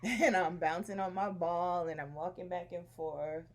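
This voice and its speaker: Woman vlogger at home, low-pitched, chatty with lots of restarts, bouncing a baby as she talks. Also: fairly even intonation, unhurried, a little hiss or hum. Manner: chatty and rambling, with frequent restarts. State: bouncing a baby while talking. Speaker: vlogger sharing her birth story. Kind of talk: casual chat to camera.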